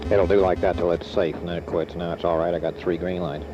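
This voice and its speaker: A man's voice: sits low, level tone, quick pace, loud music behind the voice. A man working as a military pilot, speaking clipped radio procedure through an oxygen mask microphone in a jet cockpit. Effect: speaking through oxygen mask over cockpit radio. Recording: dull, noisy 1960s cockpit radio recording. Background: faint aircraft hum and noise.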